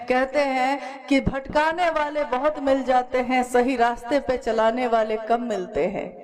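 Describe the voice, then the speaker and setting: A woman giving a devotional talk to a gathering, explaining slowly and asking rhetorical questions. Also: high-pitched. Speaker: religious speaker.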